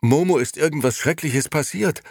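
A man voicing a slow-spoken old road sweeper, out of breath and frightened, with a husky voice. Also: low voice, very animated, a bit bright, no echo, clean studio sound, full character voice. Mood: panting. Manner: breathless, gasping.

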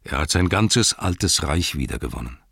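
Gandalf, a man doing a deep, calm old wizard. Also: gravelly, slightly rough, dry recording, studio quality, exaggerated voice. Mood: measured. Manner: calm, measured, soft-spoken. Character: wise old male wizard, calm and gentle.

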